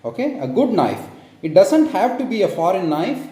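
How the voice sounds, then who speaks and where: A man's voice: high voice, big pitch swings, normal speed, dark tone, roomy sound. A man from India with an Indian English accent, casually explaining how he cooks at home and often checking in with "okay?". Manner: chatty, tags lines with "okay?", self-correcting. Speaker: home cook. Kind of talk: casual cooking tutorial. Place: home kitchen.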